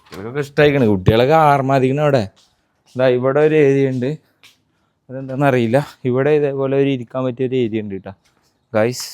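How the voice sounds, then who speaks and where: Speaking at a medium pitch and a quick pace, this Malayali-accented man hosts a casual, chatty walking-tour vlog, blending English words into his Malayalam as he addresses viewers and companions. His voice is a little mellow, and there is no room sound.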